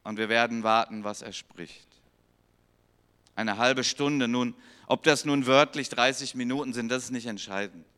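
Preacher, male, bright forceful voice, passionate sermon delivery with dramatic swings in volume. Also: medium pitch, moderate pace, clear, resonant tone. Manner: impassioned, swings from loud pleading to quiet gravity; acts out quoted voices within the sermon.

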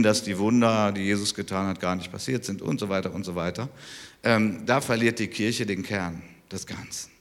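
A low-voiced man gives a sermon in a relaxed, conversational manner, leaning hard on key words. His voice rings out in a church hall with a long reverb trailing after each phrase. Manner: conversational preaching, emphatic with rising stresses. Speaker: pastor.

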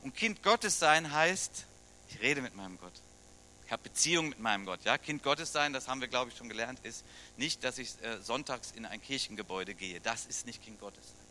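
Preaching at an ordinary pace, this middle-aged pastor from Germany has a medium-pitched, pushed and bright voice with lively intonation. He keeps the sermon conversational, frequently questioning his listeners, over slight background noise.

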